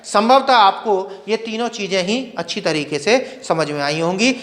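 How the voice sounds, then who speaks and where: A man teaching Hindi grammar in a classroom lecture. He asks questions and answers them himself, and repeats words slowly to show their pronunciation. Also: high voice, a bit bright, long reverb tail.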